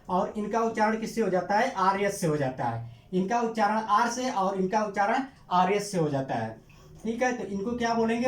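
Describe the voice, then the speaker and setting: A man's voice: high-pitched, reverberant, slight background noise. A man teaching a grammar lesson, asking questions and answering them himself, stretching out key terms as he repeats them. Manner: drawn-out emphatic repetition of terms.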